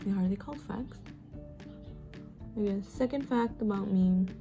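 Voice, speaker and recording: A woman in her twenties, born in Mexico and raised in the US, chats frankly and casually as she does her makeup, swearing freely and sighing often. She's a beauty vlogger doing a get-ready-with-me video, speaking in an unhurried, mid-range voice over music.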